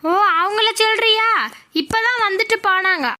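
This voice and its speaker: A woman's voice: very high voice, fairly even intonation, moderate pace, pushed and bright, voice pushed down. A woman voicing a young male shopkeeper in a cartoon, talking in a casual, offhand way. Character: easygoing young shopkeeper man. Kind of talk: cartoon voice acting.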